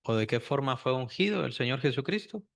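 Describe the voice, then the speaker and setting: A man's voice: mid-range voice, lively intonation, brisk, creaky. A man teaching a Sunday school Bible lesson, asking the class questions and repeating key phrases.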